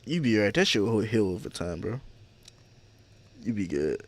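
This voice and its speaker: A man's voice: lowish voice, very animated, normal speed, husky. A young man hosting a podcast, chatting casually with friends on a voice chat, slangy, laughing and swearing freely. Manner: laid-back, slangy, swears a lot, laughs often. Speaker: podcast host.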